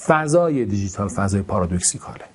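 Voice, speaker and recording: A man teaching an online course who speaks slowly and carefully, with imprecise articulation of some sounds and informal, self-deprecating asides. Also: on the low side, lively intonation, slightly rough. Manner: deliberately slow, careful speech. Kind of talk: course introduction lecture.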